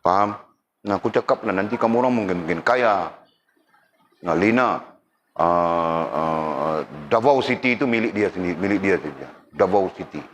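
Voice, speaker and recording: A man teaches a religious class in a relaxed lecturing voice that sits fairly low. He keeps checking whether his listeners follow and slips in teasing jokes. A faint background hum runs under his talk. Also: moderate pace.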